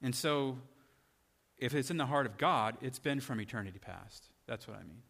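A man's voice: mid-range voice, animated, moderate pace, gravelly, fairly bright tone, husky. A man preaching a sermon in a conversational way, often asking his listeners rhetorical questions. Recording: long hall reverb.

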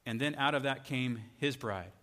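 A man's voice: medium pitch, moderate pace, fairly bright tone. A man preaching a sermon in a conversational way, often asking his listeners rhetorical questions. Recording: long hall reverb.

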